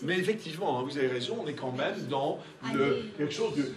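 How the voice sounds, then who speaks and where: The audience murmurs and a crowd can be heard as this male art lecturer leads a discussion, keeping his interactive talk conversational and full of tag questions. He sounds animated, fairly quick, and on the high side, recorded from a distance in an echoey room.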